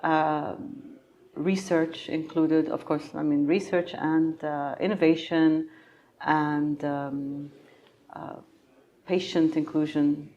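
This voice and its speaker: A middle-aged woman from Egypt, a patient advocate answering conference interview questions thoughtfully, pausing often with fillers. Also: low-pitched, flat delivery, warm tone, muffled recording. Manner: thoughtful, many pauses and fillers.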